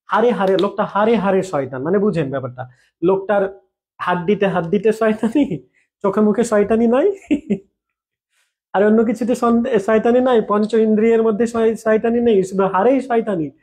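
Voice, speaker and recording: A man's voice: high voice, a little mellow. A man teaching a recorded grammar class in a chatty way, repeating examples and checking in with his students often. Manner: jokes with students mid-lesson. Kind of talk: recorded online lecture.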